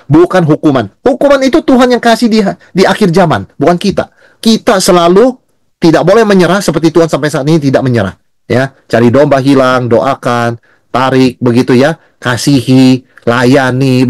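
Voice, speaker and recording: Lively, higher-voiced male pastor teaching. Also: dry recording, clean studio sound. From Indonesia. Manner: conversational, asks and answers his own questions. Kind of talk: Bible study teaching.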